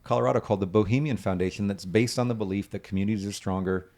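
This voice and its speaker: A man talks in a relaxed, earnest way as a podcast guest. His voice sits a little low. He rambles, with lots of "um" and "you know" between his thoughts. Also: very fast. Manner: earnest, rambling with many fillers. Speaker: guest, nonprofit founder. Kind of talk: casual conversation.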